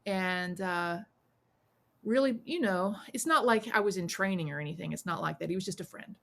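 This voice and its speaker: A woman in her forties, a podcast guest, telling her story in a relaxed chat and acting out the voices of people she quotes. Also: lowish voice, normal speed, gravelly. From South Carolina, US. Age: 40s. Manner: animated storyteller who acts out quoted voices. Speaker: podcast guest, witch and priestess. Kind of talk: casual storytelling interview.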